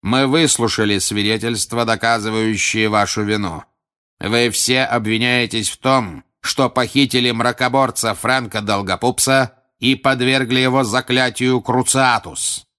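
A man voicing a hateful, stern older male judge who declaims and shouts harshly, in an audiobook. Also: on the low side, a little slow. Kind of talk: audiobook character voice.

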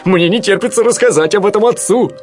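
A man voicing a cheerful young male rat, the narrator's brother, who talks in an eager, excited way. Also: medium pitch, brisk, faint music behind, pitched above the performer's own voice, natural voice.

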